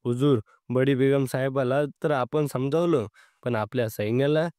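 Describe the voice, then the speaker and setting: A man reading the lines of a cautious male advisor to a general in a storybook narration, deferential and measured. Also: mid-range voice, dark tone, dry recording, clean studio sound, lightly acted.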